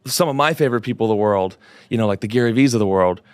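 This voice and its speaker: A man's voice: lowish voice, racing, no room sound, clean studio sound. A young man from southern New Hampshire, a guest chatting in an upbeat, playful way. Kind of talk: casual chat.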